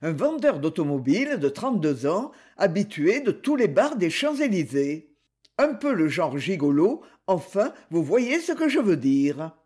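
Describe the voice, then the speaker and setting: A man voicing a worried, blunt middle-aged police commissioner who grumbles briskly. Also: sits high, sing-song, darkish tone, breathy edge, exaggerated voice.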